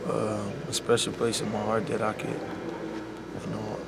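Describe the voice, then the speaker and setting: A young man, a college basketball player speaking softly and sincerely in a media scrum, leaning on "you know.". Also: on the low side, completely flat delivery, unhurried, creaky. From Bahamas. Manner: soft-spoken and heartfelt, full of "you know". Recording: loud background noise.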